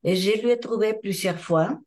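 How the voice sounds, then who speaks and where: A woman's voice: mid-range voice, normal speed, a little mellow. An older woman from Mexico with a Mexican Spanish accent, speaking French as a second language and answering interview questions as a hypnotherapist. She talks thoughtfully and searches for her words. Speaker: hypnotherapist and trainer.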